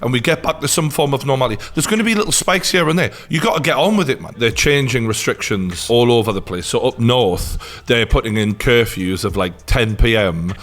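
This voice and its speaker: A man's voice: medium pitch, animated, a little fast, fairly bright tone. Blunt, sweary Newcastle man. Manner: ranting. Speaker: podcast host. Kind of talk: opinionated casual chat, reacting to news.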